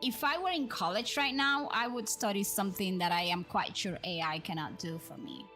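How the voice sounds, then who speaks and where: Her voice is medium-pitched, sharp and animated, moving at a normal speed as she hosts a game livestream. Music plays behind her while she chats casually and addresses viewers with frequent tag questions.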